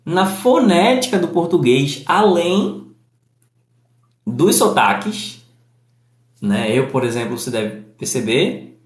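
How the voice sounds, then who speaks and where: Slow Northeastern Brazilian man explaining. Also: fairly high pitch, very animated, echoey room. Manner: slow, deliberate, spells out examples. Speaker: language teacher. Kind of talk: explanatory lesson.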